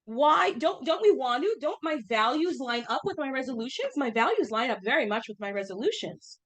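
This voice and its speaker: A woman's voice: high voice, sing-song, fairly quick, a bit bright. A woman in her thirties teaching an informal class, chatty and full of fillers, asking the group questions as she goes.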